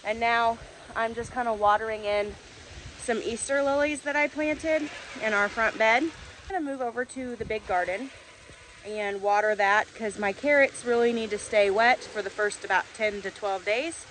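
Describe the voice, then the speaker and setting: A woman with a fairly high voice talks casually to camera in a farm vlog. She explains chores informally, step by step. The recording is made outdoors, with faint noise of a tractor rumbling behind her. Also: moderate pace, fairly bright tone, low-quality recording. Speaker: homesteading vlogger.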